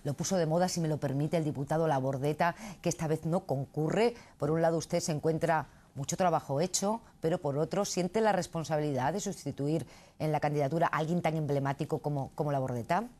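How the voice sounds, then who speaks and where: Low-voiced woman hosting a TV interview. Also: a little mellow. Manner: formal, measured questioning. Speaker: interviewer, TV host. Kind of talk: morning TV interview.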